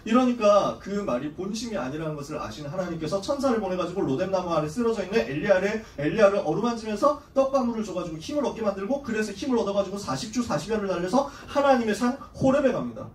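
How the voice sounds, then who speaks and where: A male youth pastor rattles through a Bible story in a high, very animated voice, slangy and playful with his listeners. He sits back from the mic in an echoey church hall, with faint ambience behind him. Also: quick pace, hardly any pauses, recorded from a distance, a little hiss or hum. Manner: casual and slangy, acting out story scenes. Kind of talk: lively youth sermon.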